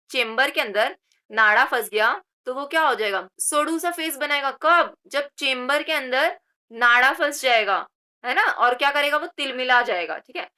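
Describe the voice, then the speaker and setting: A woman's voice: a little high, pushed and bright. A woman teaching general knowledge for government exams, repeating key words and asking rhetorical questions, mixing English words into Hindi. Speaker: exam coaching teacher. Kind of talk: Hindi general knowledge lesson with memory tricks.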